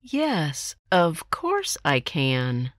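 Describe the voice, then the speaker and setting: Woman, american accent, lower voice, very slow textbook reading, dry recording. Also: wildly swooping pitch, dry recording. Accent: General American. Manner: clear, deliberate enunciation for learners. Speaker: textbook dialogue reader.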